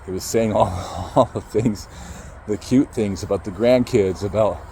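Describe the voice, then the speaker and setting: A man telling a painful personal story in a halting, emotional way, cursing casually and restarting his sentences as he goes. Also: lowish voice, vocal fry, dark tone, slight background noise, poor audio. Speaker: motivational speaker.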